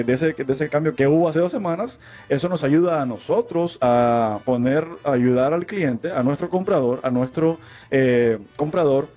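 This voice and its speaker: A man's voice: fairly high pitch, dark tone. A man in his thirties from Cuba, a mortgage lender explaining things earnestly as a guest. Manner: earnest, many fillers and restarts.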